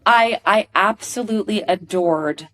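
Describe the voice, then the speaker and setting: A middle-aged stage performer from Pennsylvania gushes animatedly as a guest on a podcast, restarting her sentences often in the casual interview. Her voice is mid-range and unhurried.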